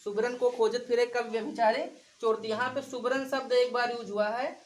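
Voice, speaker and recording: A woman's voice: a little high, little pitch movement, normal speed, low-quality recording. A woman teaching a grammar lesson for exam preparation, repeating examples and questioning her class.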